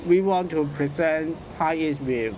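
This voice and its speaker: A man with a Hong Kong Cantonese accent, a native Cantonese speaker, talks in a casual one-to-one lesson. His voice sits a little high and moves slowly, halting and repeating short phrases. Clear ambient noise runs behind him. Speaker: student in an English writing lesson.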